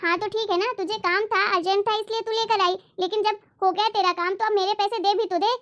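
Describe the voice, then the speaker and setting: A woman's voice: very high-pitched, fairly even intonation, brisk, a bit bright. A woman voicing an exasperated elder sister in a family drama skit, scolding and insistent as she demands her money back.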